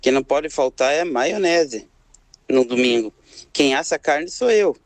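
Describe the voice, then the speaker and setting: Easygoing Brazilian caller, dry sound. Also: male voice, a little high, unhurried, dry recording. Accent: Brazilian Portuguese. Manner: easygoing, relaxed. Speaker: radio caller. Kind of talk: casual phone call.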